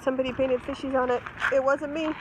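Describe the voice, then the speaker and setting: Woman, high voice, cheerful casual vlogger, outdoor phone sound from a distance. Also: fairly even intonation, quick pace, heavy background noise. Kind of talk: casual video diary.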